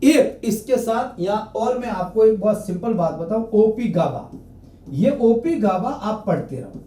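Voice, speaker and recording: Man, high voice, mellow tone, lecturing, repeats his advice, echoey room, distant mic. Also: lively intonation, measured pace. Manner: direct, repetitive advice to students. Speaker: political science teacher. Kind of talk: exam preparation lecture.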